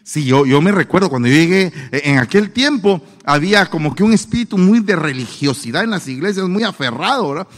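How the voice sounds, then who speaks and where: A man preaching a sermon with humor, animated and playful, acting out the voices he quotes. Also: high voice, fairly quick, hardly any pauses, big-room sound.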